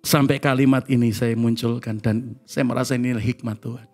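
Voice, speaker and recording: A man's voice: medium pitch, fairly even intonation, a little fast, darkish tone, soft background music. A middle-aged man preaching a sermon, telling stories with humor and often calling out to the congregation. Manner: acts out dialogue in shifting voices. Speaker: pastor.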